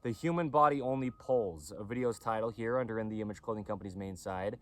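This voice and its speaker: The owner of a clothing company gives a casual anatomy talk to camera, covering body mechanics and repeatedly asking "okay?" in a repetitive manner. His voice is on the low side and fairly bright, and he talks fast.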